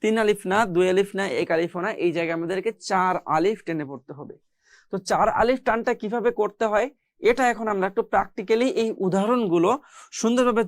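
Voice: medium pitch, dry recording. Quran teacher drawing out chanted syllables. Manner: explains rules slowly, then chants drawn-out Arabic syllables. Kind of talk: step-by-step recitation lesson.

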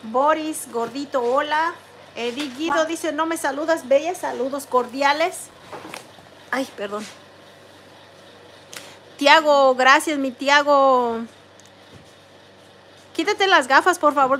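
Young woman, high voice, livestream host reading chat and greeting viewers by name, faint background hum. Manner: chatty, warm greetings to each viewer, reads chat names aloud. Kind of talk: casual livestream chat, reading comments aloud.

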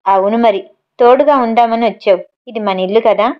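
A woman's voice: on the high side, fairly quick, lo-fi sound, lightly acted. A woman reading as a worried, wry young man.

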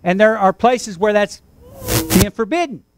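Pastor, male, high voice, emphatic sermon delivery with call-and-response. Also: measured pace, background noise. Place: church.

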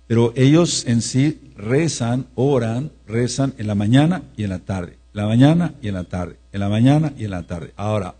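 A man's voice: on the low side, mellow, breathy edge. A man preaching a sermon, emphatic, repeating phrases and leading the congregation to repeat after him. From Mexico.

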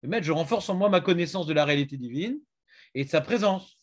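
High-voiced rabbi teaching Talmud. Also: male voice, animated, fast. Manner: questioning, prods students. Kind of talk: Talmud class.

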